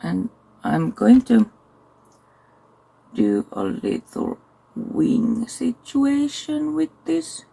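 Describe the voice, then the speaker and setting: A tired woman, chatting casually through a makeup tutorial and thinking aloud with soft asides. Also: fairly high pitch, wildly swooping pitch, very slow, vocal fry, pauses often, husky. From Finland. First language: Finnish. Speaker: makeup vlogger.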